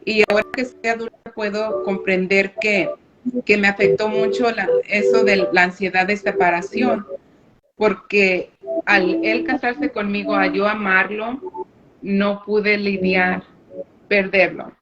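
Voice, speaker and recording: A woman's voice: medium pitch, steady tone, unhurried, a crowd in the background. A woman giving a personal faith testimony as a radio guest, hesitant and with frequent filler words. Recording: muffled radio recording with background noise.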